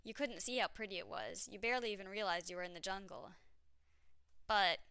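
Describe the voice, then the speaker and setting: A woman's voice: mid-range voice, a little fast, pushed and bright, smooth, dry recording. A woman narrating her own travel story in a candid, wry, self-mocking way.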